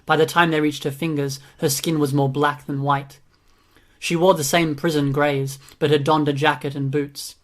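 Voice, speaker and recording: Audiobook narrator, male, mid-range voice, flat steady delivery. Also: on the high side, moderate pace. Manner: even, steady reading. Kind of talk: scripted narration.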